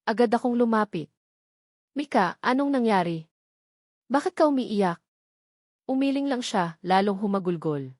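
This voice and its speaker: Woman narrator, close dry mic, measured emotional read of a first-person love story. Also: medium pitch, expressive, darkish tone, dry recording. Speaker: audiobook narrator.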